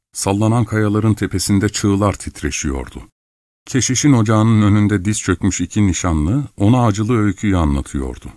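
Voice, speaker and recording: A man narrating a story in a measured storytelling manner. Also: fairly low pitch, a little mellow, no room sound, studio quality. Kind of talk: scripted narration.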